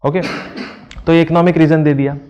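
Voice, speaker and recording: Walking through exam-prep answers one step at a time, this male teacher asks himself questions and answers them, reading phrases slowly and translating. His pitch is fairly high and his tone level, and the lo-fi recording carries a little hiss or hum.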